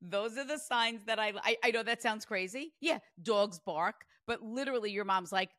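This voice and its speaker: Bright chatty lady psychic, lots of "like", dry close sound. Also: fairly high pitch, normal speed, dry recording. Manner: chatty, animated, peppered with "like". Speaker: psychic medium. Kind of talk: spirit reading session.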